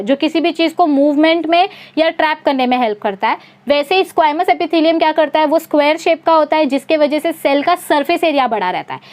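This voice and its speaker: A young woman with an Indian accent teaching a biology lesson in Hindi and English. She explains step by step and keeps asking her students questions. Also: sits high. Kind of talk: online exam-prep lecture mixing Hindi and English.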